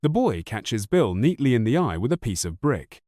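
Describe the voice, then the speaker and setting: A man narrating an audiobook story in a wry, expressive first-person manner, recorded close on a studio mic. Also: medium pitch, normal speed, dry recording.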